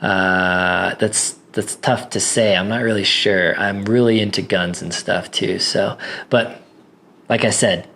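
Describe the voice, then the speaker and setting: A man's voice: fairly low pitch, steady tone, slow, gravelly, sharp tone. A man talking casually to viewers in a tech review vlog, rambling with many restarts, his voice a little worn.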